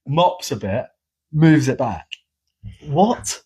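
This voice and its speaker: Husky-voiced man chatting on a podcast. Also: mid-range voice, brisk. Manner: animated, swearing storyteller. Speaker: podcast host. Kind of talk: casual podcast chat.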